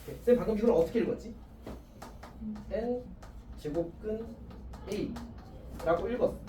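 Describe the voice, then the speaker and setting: Male high school math teacher, casual and self-deprecating, faint hiss, distant mic. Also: slow pace, warm tone, reverberant. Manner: chatty, self-mocking, asks the class constant check questions. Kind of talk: casual classroom lecture. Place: classroom with students.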